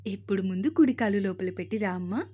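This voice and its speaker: A woman's voice: medium pitch, quick pace, mellow, natural voice. A woman voicing a stern but loving middle-aged mother-in-law who gives firm orders in a storybook reading. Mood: commanding, affectionate. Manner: commanding, firm.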